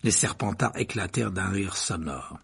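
A man narrating an audiobook in an expressive, animated reading. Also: deep voice, moderate pace, vocal fry, slightly rough.

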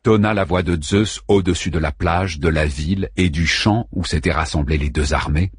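A man narrating an audiobook in a steady, measured way. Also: sits low, breathy edge, no echo, shouting, studio quality. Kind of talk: scripted narration.

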